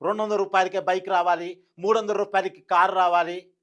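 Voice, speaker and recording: A man's voice: high-pitched, little pitch movement, brisk, fairly bright tone. A man delivering a fiery opinion monologue as a news commentator, hammering points with repeated phrases and rhetorical questions.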